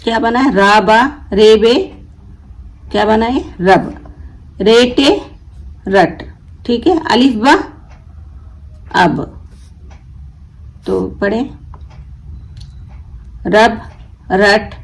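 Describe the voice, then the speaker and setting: A woman teaching a reading lesson at a slow, unhurried pace. Her voice has a gravelly fry to it. She sounds out letters patiently and asks questions that she then answers herself. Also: on the high side, poor audio. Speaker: Urdu teacher.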